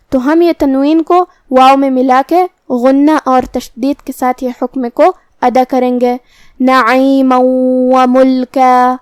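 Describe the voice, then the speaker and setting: A woman teaching Quran recitation, explaining each letter methodically and then reciting the verses slowly. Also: sits high, a little mellow, dry recording.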